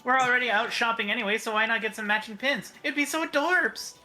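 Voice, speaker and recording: A woman's voice: a little high, quick pace, sharp tone, faint music behind, pitched above the performer's own voice. A woman voicing an upbeat, fashion-loving teenage girl in a game story, cheery and gushing.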